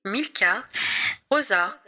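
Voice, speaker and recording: A school secretary's announcement comes over the intercom, as a woman puts her on, with a very bright, sharp tone. She reads out names in a flat, official manner. The voice sits a little lower than the performer's usual voice and sounds slightly distant. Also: slow pace, heavily acted. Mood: announcing.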